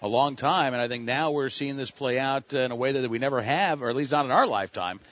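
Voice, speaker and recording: A man on a political panel, speaking in a measured way with frequent fillers. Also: medium pitch, fairly bright tone. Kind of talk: panel discussion. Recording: dull lo-fi sound.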